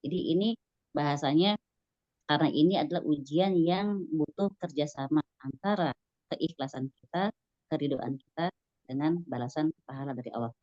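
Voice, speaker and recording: A woman giving a casual religious study talk, lively and acting out quoted voices. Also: low-pitched, moderate pace, no echo. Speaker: religious teacher. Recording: dull dry lo-fi recording.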